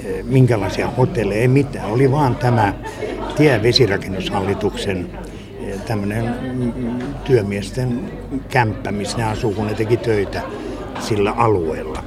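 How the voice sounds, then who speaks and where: A man's voice: on the low side, music in the background, a crowd in the background. A man casually telling a long personal story, rambling and restarting as he recalls details. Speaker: interviewee recalling a snowstorm.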